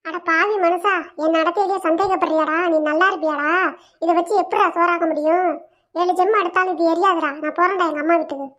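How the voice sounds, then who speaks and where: A shrill, scolding village wife in a cartoon comedy, done by one voice actor. Her voice sits very high and races along. She quarrels loudly and never lets up. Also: steady tone, quick pace, lo-fi sound. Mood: indignant.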